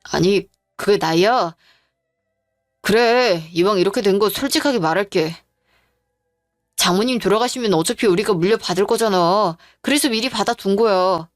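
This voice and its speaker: A woman's voice: mid-range voice, dry recording, studio quality, faint music behind, voice pushed down, natural voice. Woman doing a defensive, evasive husband. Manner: defensive, slow, self-justifying.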